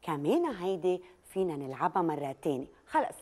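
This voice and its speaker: Lebanese lady teaching little kids a letter game, bouncy voice that swoops all over, drags the words out slow. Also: lowish voice. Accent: Lebanese Arabic. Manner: lively and coaxing, stretches out each test word slowly. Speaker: children's Arabic teacher. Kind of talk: children's lesson, leading a listening game.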